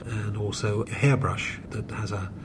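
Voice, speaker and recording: A man explaining historical objects and events for a documentary in a deliberate, explanatory manner. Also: on the low side, fairly even intonation. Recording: background noise.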